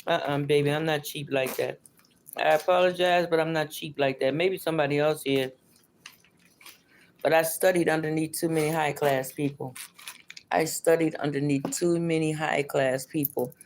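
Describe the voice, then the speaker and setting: A woman's voice: sits low, fairly even intonation, moderate pace, a little mellow, slight background noise. A middle-aged or older woman with toothless, slightly slushy articulation, chatting casually as she reads tarot on a livestream and repeating her phrases. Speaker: tarot card reader.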